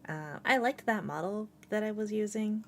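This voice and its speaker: With a medium-pitched, fairly bright voice touched by vocal fry, a young adult woman talks at normal speed during a casual live-stream chat. She's a VTuber at home, cat on her lap, rambling and giggling with lots of fillers, and there's a little hiss or hum.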